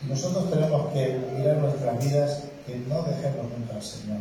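A man preaching in a church, his voice dark and mellow. He talks in a conversational way, keeps asking short questions of the listeners, and sounds close to tears. The voice is picked up from a distance in a very echoey hall with faint room noise. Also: mid-range voice, a little fast. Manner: emotional, tearful. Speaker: pastor. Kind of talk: sermon.

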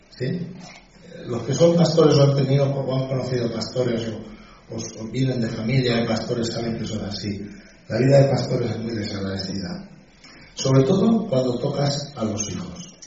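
A male pastor with a warm, mid-range voice preaches a sermon that includes a personal anecdote, speaking conversationally with frequent "¿sí?" and "¿sabes?" asides. The recording is dull and distant in an echoey church hall, with slight background noise.

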